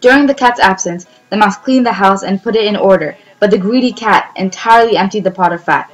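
A woman's voice: medium pitch, brisk, poor audio. A woman narrating a fairy tale aloud, steadily, with small slips and restarts.

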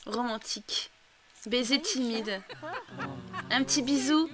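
A woman's voice: on the high side, slow, over music. A woman giving casual commentary while playing a video game, thinking aloud with lots of fillers and reading quest text aloud. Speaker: let's play gamer.

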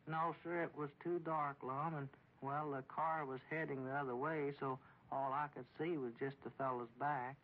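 This natural male voice sits fairly high, holds a steady tone, and moves at normal speed with few pauses. It belongs to an actor in a 1940s radio comedy portraying a dutiful, simple, meek small-town man with a rural Southern accent who reports in an earnest, hesitant, literal, deferential way. The audio is a muffled old radio recording.

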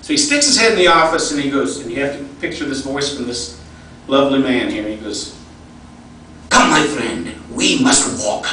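A man's voice: mid-range voice, expressive, fairly quick, bright, forceful tone. A middle-aged man giving a personal, folksy storytelling speech at a fundraising event. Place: large event hall. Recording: echoey hall, distant mic, faint noise.

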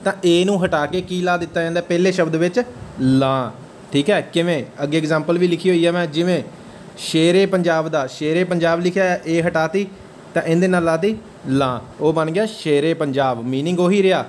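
A man delivers an exam-prep grammar lecture in a slightly high voice. He keeps checking whether his students are following. Faint noise hums under the recording. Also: a little fast. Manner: checks understanding with repeated questions. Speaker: teacher.

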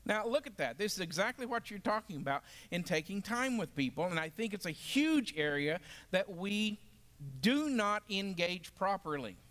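A man's voice: sits high, animated, moderate pace, a bit bright. A man teaching a Bible lesson to a class, emphatic and asking the group questions.

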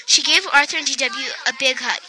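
Bright, high-voiced woman reading a storybook. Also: a little fast, slight background noise, low-quality recording. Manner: lively, lifts her voice for quoted characters and drops it for tags. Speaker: storybook reader. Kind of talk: reading a children's picture book aloud.

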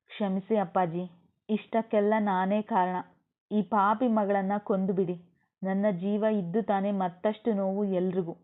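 A woman's voice: mid-range voice, level tone, measured pace, lightly acted. A woman voicing a guilt-ridden grown daughter who pleads and blames herself. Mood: pleading. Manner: pleading, self-blaming. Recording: tinny phone-like audio.

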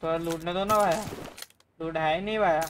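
A young man from India streaming a game, shouting urgent, excitable callouts to his teammates. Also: on the high side, brisk, a little hiss or hum. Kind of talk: live gaming voice chat. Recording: voice chat over loud gunfire.

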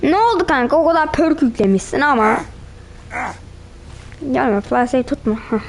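A woman with a high voice narrates her own match as she plays. She teases and insults the other players in a loose, trash-talking way. A faint hiss sits under the recording. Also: lively intonation, moderate pace. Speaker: gamer. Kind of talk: gameplay commentary.

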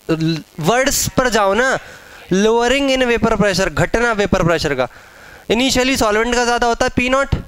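A man's voice: extremely high pitch, fairly bright tone, clear, resonant tone, dry recording. A young man teaching chemistry in a live classroom lecture, speaking in a casual, teasing way and drawing out key terms. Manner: casual, teasing students, drawn-out stressed terms. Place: classroom with students.

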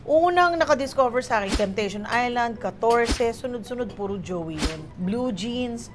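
A woman's voice: fairly high pitch, normal speed, over music. A woman from the Philippines, a guest actress, telling stories in casual chat and acting out what people said. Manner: animated, acts out quoted lines, mixes Tagalog and English.

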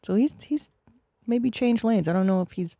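Gravelly woman bantering on a podcast. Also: a little high, warm tone, dry recording. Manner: laughs often, drawn-out teasing delivery. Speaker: podcast co-host. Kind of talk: casual chat.

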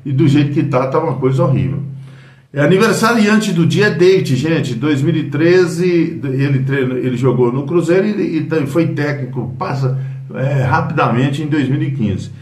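A man's voice: on the high side, expressive, normal speed, far from the mic. A man in his fifties with a Brazilian accent, hosting casual football news commentary at home, rambling with fillers and self-corrections. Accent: Brazilian Portuguese. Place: small room at home. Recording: roomy echo, voice a bit off-mic.

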